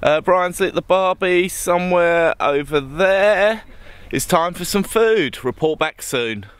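A man's voice: sits high, takes it slowly, a bit bright, smooth, dry recording. A man in his forties, chatting cheerfully in a casual outdoor vlog at a lakeside fishery, recorded on a handheld camera. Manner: chatty, upbeat, teasing. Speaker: vlogger and angler.

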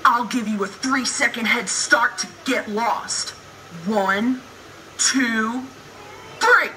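A menacing animatronic punk doll taunts in a slow, bright, sharp-edged voice, voiced by an actor. It sneers at the listener and counts down with mock patience. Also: medium pitch, recorded from a distance, a little hiss or hum, rough recording. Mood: taunting.

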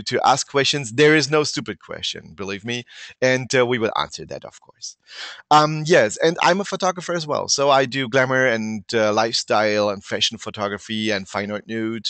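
A man's voice: mid-range voice, a bit bright, no room sound. A man with a German accent hosting an online webinar, speaking hesitantly and often searching for words. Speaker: webinar host.

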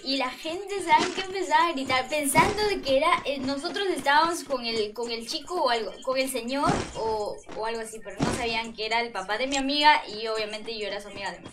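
A young woman live-streaming a game, chatting playfully with her chat and shrieking during fights. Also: high-pitched. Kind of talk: casual live-stream chat while gaming. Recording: loud music playing under the voice.

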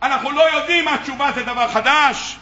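A man, a rabbi, preaching a sermon with animated storytelling and questions to his audience. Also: extremely high pitch. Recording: muffled lo-fi recording.

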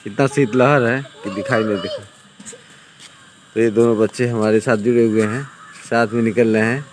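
A man's voice: medium pitch, fairly even intonation, moderate pace, poor audio. A young man narrating a casual walking vlog outdoors on a foggy morning, chatty and always pointing out what viewers can see, filmed on a handheld phone. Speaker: vlogger. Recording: clear street noise and passing vehicles.

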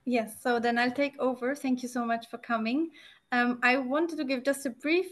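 A woman's voice: high-pitched, steady tone, moderate pace. A young woman interviewer on a video call, steadily explaining background before asking her question.

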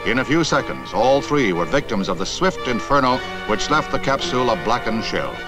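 A man's voice: medium pitch, expressive, brisk, poor audio. Man narrating an old newsreel. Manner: formal, solemn announcer delivery. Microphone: studio voice-over. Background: loud music.

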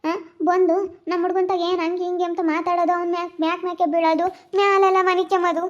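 Woman as a shrill scolding village mother. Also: flat delivery, quick pace. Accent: rural Chitradurga Kannada. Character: scolding village mother, sharp-tongued, protective of son. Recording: muffled lo-fi recording.

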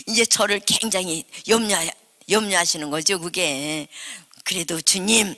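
An older woman preaches at a revival service, telling personal stories and acting out each exchange. Her voice is bright and forceful. It rings through a church hall with a long reverb. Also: fairly low pitch, unhurried. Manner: animated storytelling, acting out dialogue. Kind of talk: revival sermon. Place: church sanctuary.

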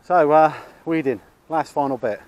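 A man's voice: fairly high pitch, moderate pace, no room sound, lo-fi sound. A man, chatting casually and rambling through an allotment tour, recorded outdoors on an action camera. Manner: chatty, rambling, many restarts and fillers. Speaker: allotment vlogger. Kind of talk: casual chat. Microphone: action camera, held or chest-mounted.

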